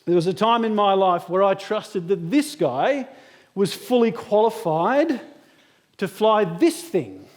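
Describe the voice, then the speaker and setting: In a large, reverberant graduation hall, a guest speaker in his thirties delivers a motivational address full of self-deprecating humor. His voice is high-pitched and expressive, at a measured pace.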